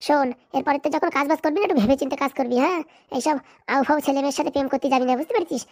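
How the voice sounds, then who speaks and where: A woman's voice: high-pitched, very fast, darkish tone, natural voice. A woman voicing a greedy, scheming mother in a cartoon comedy who scolds and curses. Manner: scolding, foul-mouthed. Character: scheming greedy middle-aged mother, foul-mouthed.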